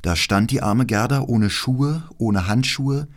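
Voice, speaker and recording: A man reading a fairy tale aloud as an audiobook narrator, with measured, expressive storytelling. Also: mid-range voice.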